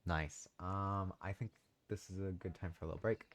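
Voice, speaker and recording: Deep-voiced man streaming a game. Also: steady tone, normal speed. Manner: rambling, thinks aloud, swears casually. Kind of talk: casual let's-play commentary. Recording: game music in the background.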